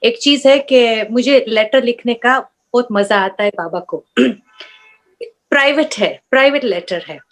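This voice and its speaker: Earnest woman chatting, high voice. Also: measured pace, a bit bright. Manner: earnest, mixes English phrases into her talk. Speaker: guest sharing experiences. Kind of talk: casual chat.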